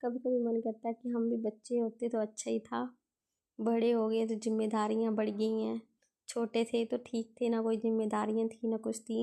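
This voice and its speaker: A young woman talks through her day as a relaxed vlog voice-over, chatty and homely. Her voice is a touch high and gravelly, with a dark tone. She keeps a fairly flat, even melody throughout. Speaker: vlogger. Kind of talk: casual vlog narration.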